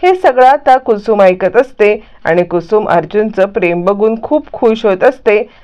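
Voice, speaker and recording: A woman's voice: mid-range voice, animated, unhurried, a little mellow, clear, resonant tone. A woman casually retelling a serial episode, linking each step plainly. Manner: plain retelling with many "asa mhatlyavarti" links. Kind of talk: casual story recap narration. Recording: muffled lo-fi recording.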